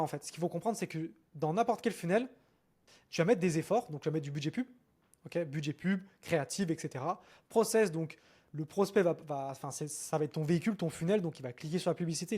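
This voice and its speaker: Homme rapide, ton de coach décontracté. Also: male voice, on the high side, a little mellow. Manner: fast, informal, many fillers and restarts, addresses viewer with "ok?". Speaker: marketing coach. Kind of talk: screen-share marketing lesson.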